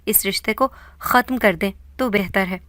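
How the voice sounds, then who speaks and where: A woman's voice: medium pitch, a bit bright, no room sound, close to an everyday voice. A woman playing a defiant young bride-to-be. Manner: emotional, defiant. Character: defiant young woman refusing a forced marriage.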